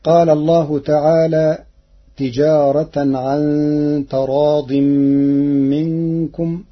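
A man teaching Quran recitation variants in a measured way, quoting each verse and then explaining it. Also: a little high, flat delivery. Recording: dull lo-fi recording.

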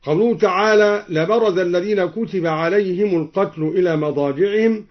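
A man teaching Quranic reading variants, alternating plain explanation with slow, melodic recitation. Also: sits high, dull audio.

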